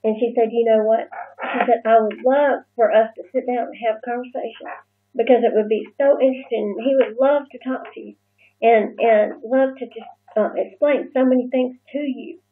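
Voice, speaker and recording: A woman talks straight to the camera in a casual personal vlog, her voice carrying a gravelly fry. She hesitates often, filling gaps with fillers and restarting her sentences. The sound is thin and phone-like, as if from a low-quality recording. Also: fairly even intonation. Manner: halting, many fillers and restarts.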